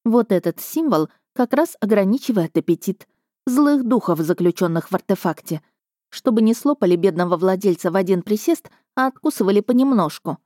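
A woman's voice: medium pitch, lively intonation, fairly quick, mellow, dry recording, clean studio sound, lightly acted. A woman voicing Vera, a sardonic fortune-teller friend, in an audiobook. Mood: wry.

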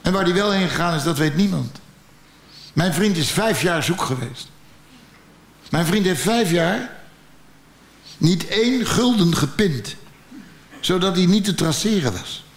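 A man with a Dutch accent doing stand-up storytelling, blunt and profane with a deadpan delivery. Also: high-pitched, a little slow, long pauses, echoey room. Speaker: stand-up comedian.

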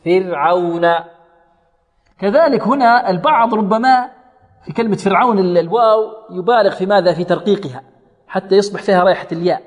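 A man's voice: high-pitched, fast. A man teaching Quran recitation in a classroom lesson, quizzing his students and demonstrating sounds over and over. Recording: echoey hall reverb.

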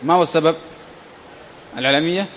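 A man giving a classroom grammar lesson, reading a text aloud slowly before stopping to explain it and question his students. His voice sits a little high for a man. The sound carries a long hall reverb. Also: a bit bright, a little hiss or hum. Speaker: Arabic grammar teacher.

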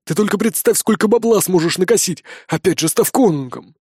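A man voicing an exhausted, scheming old male shaman in an audiobook, with a hoarse, hissing delivery and a sullen, pushy manner. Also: sits high, a little fast, darkish tone, no room sound, clean studio sound. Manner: sullen, then pushy and wheedling. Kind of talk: audiobook character voice.

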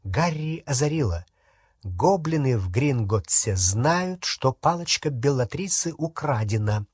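A man reading an audiobook in an even, measured way, with a husky voice. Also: medium pitch, dry recording, studio quality. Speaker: audiobook narrator. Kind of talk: audiobook narration.

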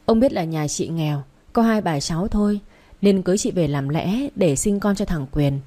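A gruff middle-aged head of the house gives bossy orders to his family, with a woman reading his lines. The voice is low and mellow. It is a narrated storybook part. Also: moderate pace, lightly acted. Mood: calm. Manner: loud, bossy, scolding.

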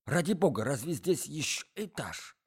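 Man doing a flustered pleading gentleman. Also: on the high side, sing-song, normal speed, breathy edge, pitched above the performer's own voice, full character voice. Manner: anxious, imploring, formal phrasing. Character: flustered middle-aged gentleman, pleading and fussy.

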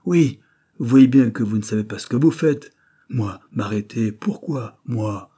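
A man reading an audiobook, voicing a haughty male villain who shouts indignant protests. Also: mid-range voice, measured pace, slightly rough.

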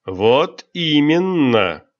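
A man doing arrogant old court schemer, grudging politeness, slow speech, dull audio. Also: medium pitch. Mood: haughty. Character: old haughty court intriguer, former minister.

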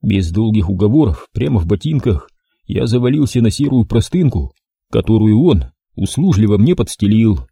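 Brief: man reading a crime novel in first person, animated, dry booth sound. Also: fairly low pitch, normal speed, creaky, breathy edge, no echo. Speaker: audiobook narrator. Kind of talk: first-person audiobook narration.

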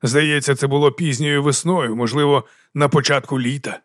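A man voicing a dignified baron in his fifties who speaks with quiet authority and deep compassion. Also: steady tone, dry recording, clean studio sound, close to an everyday voice. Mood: calm. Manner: slow, quietly commanding, compassionate.

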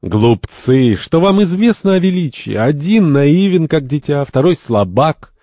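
A man's voice: on the high side, very animated, measured pace, warm tone, dry recording, voice pushed up. Power-hungry bully, sneering, contemptuous, raised voice, man voicing him. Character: scornful power-hungry male bully, lust for power.

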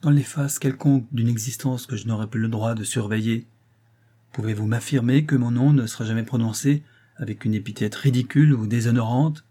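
A man's voice: mid-range voice, brisk, dark tone, slightly rough, lightly acted. A man voicing a stern, wounded husband who argues with severe emphasis.

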